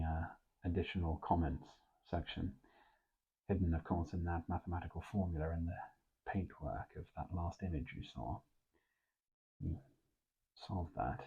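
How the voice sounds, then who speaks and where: An ASMR performer plays a composed British intelligence officer interviewing a recruit, speaking British English in a very low, gravelly, breathy voice that is deliberately exaggerated. His delivery is formal and hushed in a measured way. The audio is thin, narrow, tinny and band-limited.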